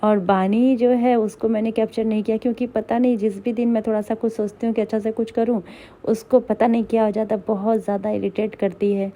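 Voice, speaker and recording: A young woman vlogger, slightly hoarse, chatting in a tired, rambling way as she narrates her day. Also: fairly high pitch, level tone, a little fast, warm tone. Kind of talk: casual voice-over narration.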